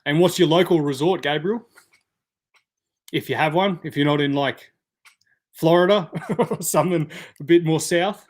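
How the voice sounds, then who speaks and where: A man's voice: fairly high pitch, normal speed, pauses often. A man hosting a casual live stream, chatting and answering viewer comments by name. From Australia.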